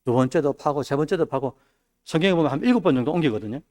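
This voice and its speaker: A man preaching a midweek sermon, dropping his voice low and then rising loud. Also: animated, very fast. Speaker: pastor. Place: church sanctuary.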